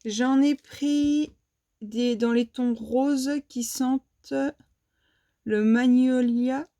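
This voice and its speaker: Speaking very slowly in a warm, high voice with fairly even intonation, a French woman walks through her shopping haul for her vlog. The show-and-tell is casual and hesitant, with lots of fillers and restarts.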